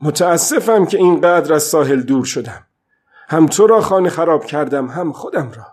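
A husky, worn-out old fisherman, read by a man, muttering to himself in a tired voice and then hardening into stubborn defiance. He lifts his pitch a little for this storybook figure, who stays alone and determined out at sea. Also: lively intonation, a little mellow. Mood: lamenting. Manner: talks to himself, swinging from weary murmur to defiant outburst. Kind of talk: audiobook reading.

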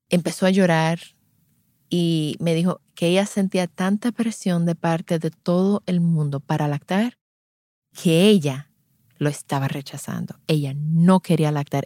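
Low-voiced woman telling a lactation story. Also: no echo, clean studio sound. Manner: animated, acts out each voice in the anecdote. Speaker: lactation consultant. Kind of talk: personal storytelling.

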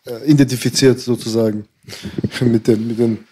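A man in a casual interview, talking in a loose, relaxed way. He laughs often and restarts his sentences as he goes. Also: medium pitch, normal speed, slight background noise. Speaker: rapper guest.

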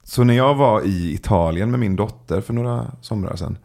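A man chatting as a podcast guest, telling stories in a relaxed way with many filler sounds. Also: lowish voice, creaky. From Sweden. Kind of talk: casual storytelling chat.

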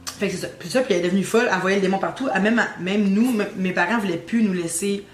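A woman's voice: mid-range voice, very fast. Québécois woman telling a ghost story. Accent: Québécois French. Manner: animated storyteller, teasing suspense. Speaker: guest telling her story. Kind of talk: casual podcast storytelling. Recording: roomy with faint ambient noise.

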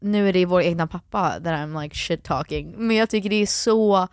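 A young woman co-hosting a casual chat, giving blunt opinions and swearing freely. Her voice is lowish and sounds dry and close, with no room around it. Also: no echo. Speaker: podcast co-host.

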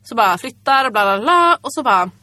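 A young woman chats on a podcast, spinning lively stories and slipping into quoted lines of her own past self. Her voice sits a little high and the sound is close and dry with no room around it. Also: dry recording. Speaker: podcast host. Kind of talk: casual chat, storytelling.

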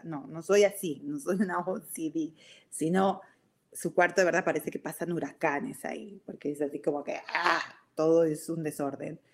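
A middle-aged woman with a Rioplatense Spanish accent, a mother giving casual parenting advice, who tells her story with animation, drops in English words and keeps asking "ok?". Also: on the low side.

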